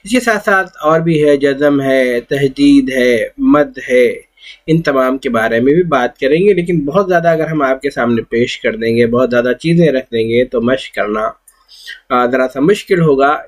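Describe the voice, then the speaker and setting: A man teaching an Urdu class, patiently drawing out each syllable in drills and repeating his points. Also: mid-range voice. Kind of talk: slow, patient classroom lesson.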